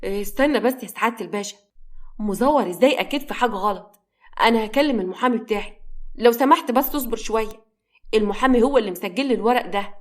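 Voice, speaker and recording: A woman's voice: on the high side, very fast, natural voice. A woman voicing a shocked, ruined man pleading and bitter, in Egyptian Arabic.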